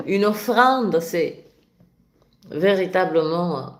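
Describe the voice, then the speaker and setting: A French woman with a regional accent hosts a spiritual live stream and talks with fervent passion. She speaks slowly and spontaneously, often restarting her phrases. Her voice carries a roomy echo. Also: on the low side. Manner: passionate, animated, with many restarts. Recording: echoey room.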